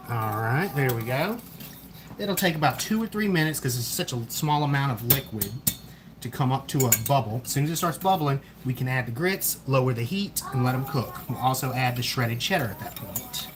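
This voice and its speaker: Filmed on a phone camera, a man casually demonstrates a recipe in his home kitchen, explaining every step in an easygoing way while talking with his child. His mid-range voice is animated and fairly quick, with background noise from kitchen clatter and a screaming parrot.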